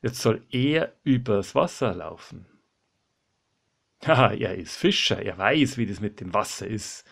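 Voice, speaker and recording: Animated storyteller man. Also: fairly low pitch, unhurried, creaky. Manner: animated, exclaiming, dropping to whispers. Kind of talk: dramatic Bible storytelling.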